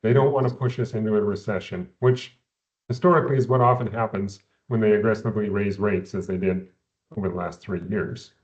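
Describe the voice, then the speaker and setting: A man, an investment adviser, explaining economics in a measured way, often repeating words at the start of phrases, heard over a video call. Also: lowish voice, fairly even intonation, a little mellow, lo-fi sound. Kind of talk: explaining economics in a recorded company Q&A.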